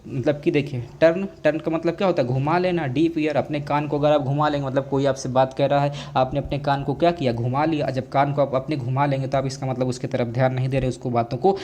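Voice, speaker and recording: A man with an Indian accent giving an exam-prep English lesson, asking the class questions and answering them himself, and slowing down to spell out English phrases. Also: mid-range voice, fairly even intonation, a little mellow, slight background noise. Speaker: teacher.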